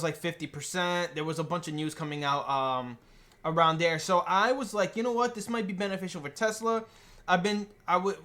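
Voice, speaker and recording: A young man hosting a trading channel talks through his trades on a screen share in a loose, rambling way, full of restarts and fillers. His voice sits a little high for a man, and he chews gum while he talks. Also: sharp tone. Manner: chewing gum while talking.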